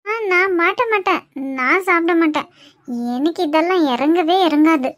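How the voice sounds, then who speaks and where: A stubborn cartoon mother-in-law, as a woman voices her, whining and protesting in a Kanyakumari Tamil accent. Her voice sits very high, and the sound is dry and close. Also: normal speed, fairly bright tone, no echo. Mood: whiny protest. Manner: whiny, protesting, dramatic. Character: fussy stubborn middle-aged mother-in-law. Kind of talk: cartoon voice acting.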